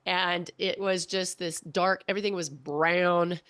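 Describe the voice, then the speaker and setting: Woman, 40s, animated interview guest recounting her story, recorded dry. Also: lowish voice, a little slow, clear, resonant tone, no room sound. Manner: animated, acts out her own past voice in quotes. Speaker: podcast guest.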